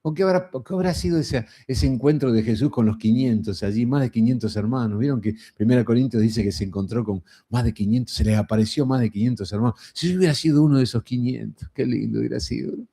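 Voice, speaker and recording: A man's voice: mid-range voice, fast, creaky, hardly any pauses, dark tone, breathy edge. A middle-aged man with a Rioplatense Spanish accent preaching a sermon in a folksy, conversational way, often tossing in a rhetorical "¿no?".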